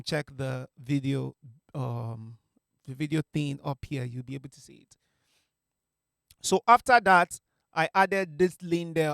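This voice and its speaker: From a small home studio, a young man who produces music walks viewers through a vocal mix, restarting often and leaning on fillers in this relaxed mixing lesson. He speaks on the high side, with a clear, resonant, fairly bright tone into a stand-mounted studio mic, free of echo.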